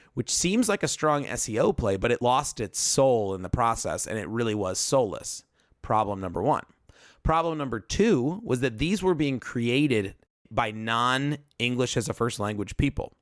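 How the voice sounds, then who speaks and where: In a casual podcast chat, a co-host with a mid-range male voice rambles on with a long tale, often breaking off and coming back around. The recording is dry with clean studio sound.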